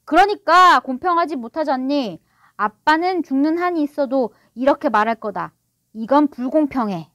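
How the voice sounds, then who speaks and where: A woman's voice: fairly high pitch, expressive, normal speed, no room sound, highs cut off, close to an everyday voice. A woman voicing a proud, sulky middle-aged father who blusters and gets defensive. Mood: indignant.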